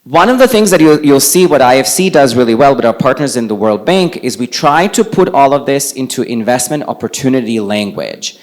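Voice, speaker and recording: A man from Bosnia, not a native English speaker, giving a relaxed, conversational presentation into a handheld mic at a conference. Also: medium pitch, brisk, hardly any pauses. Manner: relaxed, conversational, walks around while speaking. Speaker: panel speaker on climate finance. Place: conference venue with a live audience. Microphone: handheld microphone.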